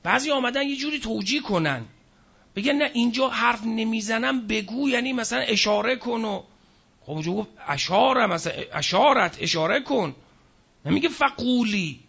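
High, gravelly male preacher on a dull recording. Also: lively intonation, fairly bright tone. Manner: recites Arabic verses slowly, then explains in plain speech; asks the audience questions and answers them himself. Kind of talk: Quranic exegesis lecture.

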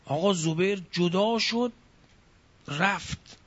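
A man's voice: sits high, fairly bright tone, breathy edge. A man preaching a sermon, telling a religious story with feeling, sighing and crying out between the lines. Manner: emotive storytelling, sighs and cries out. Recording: dull lo-fi recording.

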